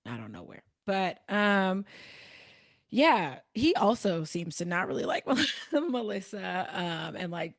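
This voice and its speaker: Her medium-pitched voice is sing-song and slow as she co-hosts a podcast discussing a book. The Midwest American woman laughs frequently and leans on plenty of fillers.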